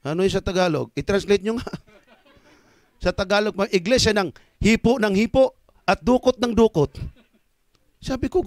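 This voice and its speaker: A middle-aged evangelist man preaching a sermon in an animated way, swinging from shouts to low asides. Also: no room sound.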